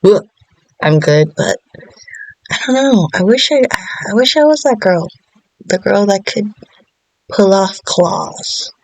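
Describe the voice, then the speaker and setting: A woman's voice: medium pitch, sing-song, measured pace, pauses often, a little mellow, dry recording, rough recording. A woman in her thirties talking to camera in a meandering vlog, full of fillers and self-interruptions. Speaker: vlogger. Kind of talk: casual rambling monologue.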